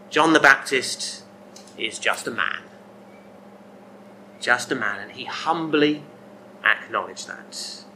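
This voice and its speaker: A man's voice: mid-range voice, bright, forceful tone, a little hiss or hum, low-quality recording. A man preaching a sermon, earnest and emphatic, often asking rhetorical questions.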